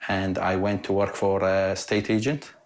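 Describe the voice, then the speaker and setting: A man from Iraq, a property developer, answering interview questions in halting, slightly broken English with many pauses. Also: sits low, flat delivery. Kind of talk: on-site interview.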